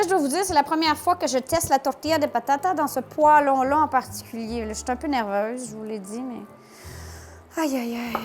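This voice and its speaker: A woman hosting a cooking tutorial, chatty and playful as she talks to viewers in a home kitchen. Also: high-pitched. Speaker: cooking show host.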